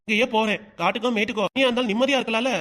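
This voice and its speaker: A woman's voice: a little high, fairly even intonation, a bit bright, natural voice. A woman voicing a weary middle-aged cartoon father caught between his mother and his wife, with a Kanyakumari Tamil accent. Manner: rapid, weary and defensive. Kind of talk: cartoon voice acting.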